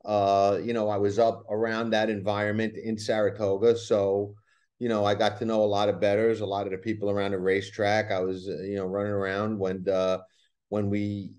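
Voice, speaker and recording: A man's voice: lowish voice, monotone, a little fast, darkish tone, clean tone. A man with a Brooklyn New York accent, speaking as a guest in a conversational podcast interview, often repeating words as he explains. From New York, USA. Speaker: horse racing handicapper, interview guest.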